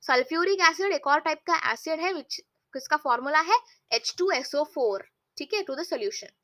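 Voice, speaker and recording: A woman teaching a science lesson, reading textbook lines slowly and explaining each step, often asking "okay?" to check along. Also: sits high, lively intonation, bright, forceful tone. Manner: reads English textbook lines slowly, explains fast in Hindi. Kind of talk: online lesson mixing Hindi and English.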